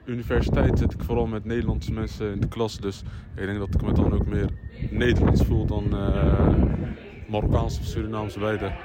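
A young man, a law student, answering a street interview outdoors on a campus, calm and hesitant with many pauses. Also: on the low side. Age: young adult. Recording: loud traffic noise behind.

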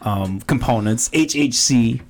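A man's voice: medium pitch, a little slow, a little hiss or hum. A man in his twenties hosting a podcast, chatting loosely with plenty of swearing and laughter. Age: 20s. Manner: loose, profane and giggly. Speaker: podcast host. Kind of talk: casual chat.

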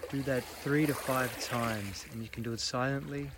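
A man guiding a meditation in a calm, meditative tone with short, soothing instructions. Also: medium pitch, normal speed, noisy background. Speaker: meditation guide. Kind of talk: guided meditation. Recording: loud running water and ambience. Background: loud water sounds of a beach ambience.

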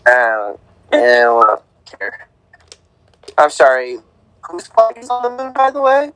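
A man joking offhandedly on an online call, his audio glitchy and warbling as the connection breaks up. His pitch swings widely, and the sound is dry and close. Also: huge pitch swings, measured pace, a bit bright, dry recording, faint music behind. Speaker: podcast co-host. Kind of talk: casual chat over a call.

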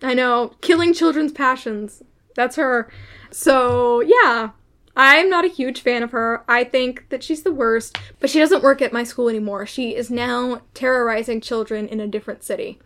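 A young woman co-hosting a podcast, telling a story in a casual, animated way and swearing freely. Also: fairly high pitch, normal speed. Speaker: podcast co-host. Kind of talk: casual chat.

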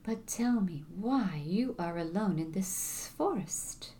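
A woman voicing a kind male snake who speaks in a slow, hushed whisper. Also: medium pitch, expressive, slight background noise. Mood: calm, reassuring.

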